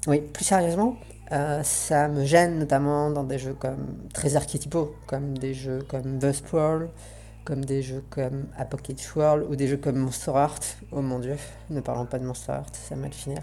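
A woman's voice: very deep voice, fairly even intonation, normal speed, warm tone. A woman talking through a voice changer, giving an earnest, reflective spoken essay on roleplaying games and searching for her words.

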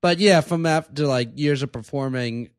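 A man's voice: on the high side, normal speed, clean tone, no room sound, studio quality. A man chatting casually as a comedian guest, with upward inflection at the ends of his statements. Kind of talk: casual chat.

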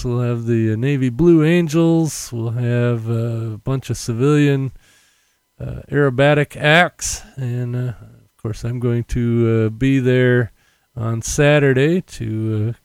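A man's voice: mid-range voice, vocal fry, darkish tone, clear, resonant tone, no room sound, studio quality. A middle-aged American man chatting casually and unscripted as a podcast host, rambling and correcting himself, with popping p sounds on a condenser mic. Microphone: condenser mic without windscreen.

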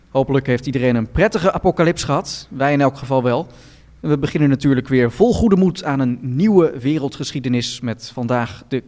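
A man hosting a satirical radio news show, reading items in a calm, formal deadpan. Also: medium pitch, in a large hall. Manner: calm, formal newsreader delivery.

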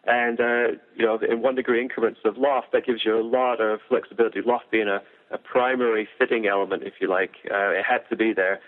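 A man's voice: on the low side, steady tone, fairly quick. A man, a golf equipment engineer, explaining driver technology in detail with frequent fillers. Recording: tinny phone-like audio.

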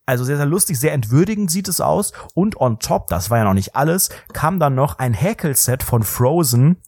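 A man's voice: a little high, animated, moderate pace, darkish tone, dry recording. A young man co-hosting a casual podcast, rambling with lots of fillers and restarts in a dry, ironic way. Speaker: podcast co-host.

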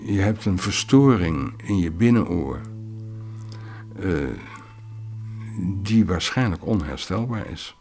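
Man, retired conductor, low-pitched, halting, reflective, faint background music. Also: lively intonation, a little mellow. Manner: halting, reflective, with filler sounds. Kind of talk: personal storytelling interview.

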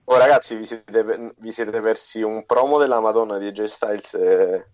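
A muffled lo-fi recording of a man with a fairly low voice. He banters casually on a podcast in crude slang, swearing freely. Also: fairly even intonation, moderate pace, darkish tone. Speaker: podcast guest. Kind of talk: casual chat.

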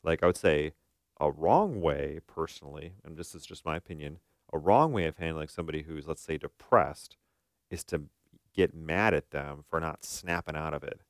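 A podcast host with a rumbling low voice talks at normal speed in a casual, conversational style, thinking aloud and frequently checking whether listeners agree. The recording is dry, with clean studio sound.

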